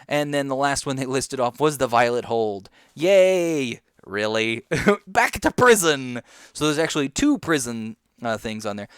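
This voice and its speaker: A man's voice: medium pitch, clean tone, no echo, clean studio sound. A man giving casual, rambling game commentary, full of ums and asides. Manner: rambling, lots of ums and uhs, chewing gum. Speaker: gaming commentator.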